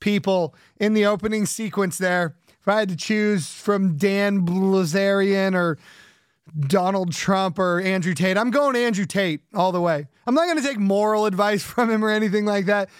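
A man's voice: high voice, clear, resonant tone, no echo, clean studio sound. A man hosting a podcast, rambling casually with lots of fillers, joking about himself and laughing often. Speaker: podcast host.

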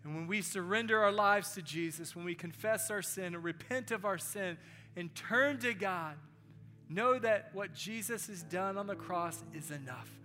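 A man delivers a sermon with rising passion, his high voice forceful and bright. His words ring out through a church hall with a long reverb, and soft music plays faintly underneath. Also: moderate pace. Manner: impassioned, building to emphatic declarations. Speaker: pastor.

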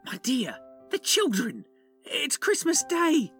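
An actor playing a kindly, poor clerk and father in a dramatized story, gentle and placating. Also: very high voice, wildly swooping pitch, slow pace, soft background music, exaggerated voice. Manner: gentle, warm-hearted and placating. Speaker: Bob Cratchit.

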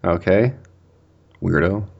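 A man's voice: low-pitched, slow, creaky, muffled recording, exaggerated voice. A man voicing a weary, rude male drive-thru worker taking orders over the drive-thru speaker in a comedic tabletop podcast bit. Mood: impatient. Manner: exasperated, snippy order-taking.

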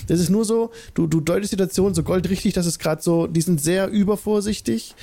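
A man's voice: high voice, brisk, creaky, dark tone. A man narrating as game master, who explains rules with frequent restarts.

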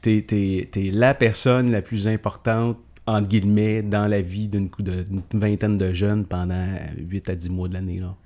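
A man with a Québécois French accent co-hosts this easygoing conversation. His voice sits low, and he thinks his points through aloud with plenty of hesitation. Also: little pitch movement, unhurried, hardly any pauses, dark tone. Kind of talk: casual interview chat.

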